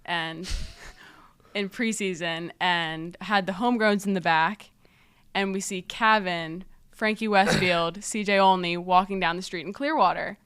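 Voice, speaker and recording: A woman's voice: fairly low pitch, steady tone, measured pace, fairly bright tone, clear, resonant tone, no echo. A woman hosting a podcast, chatting casually and asking follow-up questions. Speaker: podcast host.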